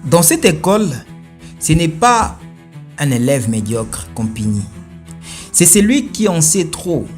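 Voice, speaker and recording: A man's voice: a little high, sing-song, slow pace, long pauses. Male commentary host, emphatic and rhetorical, punchy delivery, faint music bed underneath. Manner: emphatic, rhetorical, rising to forceful peaks. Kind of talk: opinionated commentary.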